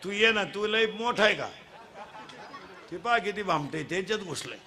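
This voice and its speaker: A middle-aged man preaching a comic devotional kirtan, teasing children and drilling them in loud call-and-response. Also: high-pitched, lively intonation, moderate pace, some chatter behind, a little hiss or hum.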